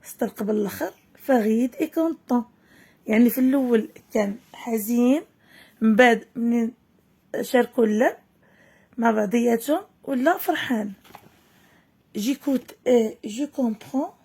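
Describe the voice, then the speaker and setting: Husky-voiced Moroccan woman teaching reading. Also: fairly high pitch, dark tone. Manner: reads French slowly and clearly, then explains quickly in Moroccan Arabic. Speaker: primary school French teacher. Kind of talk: reading lesson, slow read-aloud with explanations.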